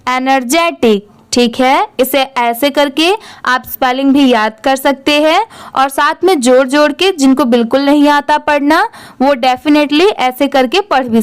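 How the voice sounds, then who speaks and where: A high-pitched woman teacher walks through words one letter at a time, then sounds them out. She asks her own questions and answers them. Example sentences come very slowly and deliberately. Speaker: English reading teacher. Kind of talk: Hindi-language phonics lesson.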